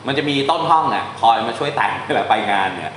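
A male translation teacher giving an informal classroom lesson, talking through examples step by step and reading English lines slowly. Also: medium pitch, very animated, a bit bright, echoey room, a little hiss or hum.

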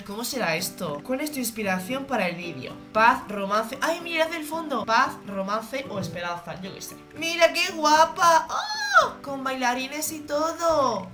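A woman with a Spain Spanish accent giving excitable let's-play commentary, full of squealing exclamations. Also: a little high. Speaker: gaming YouTuber. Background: game music.

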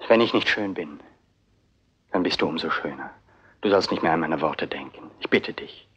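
A man's voice: very deep voice, lively intonation, moderate pace, fairly bright tone, a little hiss or hum. An actor playing a jealous, domineering young actor who presses a woman with threats and pleas, in a German film dub. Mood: pleading. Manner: pressing, threatening, then pleading. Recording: dull lo-fi film soundtrack.

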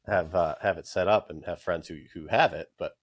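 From a small room lined with collectible shelves, a podcast host in his thirties conducts a casual interview through a studio mic, wearing headphones. He talks fairly quickly in a low voice, full of fillers and restarts, and the recording is dry.

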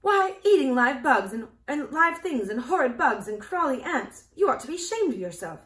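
A woman's voice: medium pitch, animated, a little fast, natural voice. Dorothy, a woman doing an earnest young girl. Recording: roomy echo.

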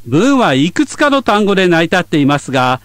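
Lively high-voiced male language teacher. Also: brisk, no room sound. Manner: clear explanatory delivery. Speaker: radio English teacher. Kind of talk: scripted lesson narration. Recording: dry studio sound.

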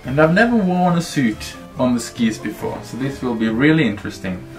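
A man's voice: medium pitch, expressive, fairly quick, music in the background. A young man from Norway with a Norwegian accent, chatting playfully in a casual vlog, in a cabin and out in the snowy mountains. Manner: playful, laughs often, chatty. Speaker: vlogger. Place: wooden cabin indoors, then snowy mountains outdoors.

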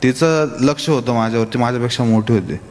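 A man's voice: mid-range voice, fast, a little mellow. A man giving a talk to young people at a summit, telling his own story in a plain, hesitant way with many fillers. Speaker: guest speaker at a youth summit. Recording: echoey hall, faint hiss.

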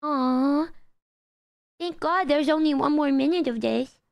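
Woman putting on a high-pitched cutesy uwu girl. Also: gravelly, dry recording. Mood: cutesy teasing. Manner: cutesy uwu speak, drawn-out and babyish. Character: cutesy, childlike anime girl speaking uwu baby talk. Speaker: livestreamer.

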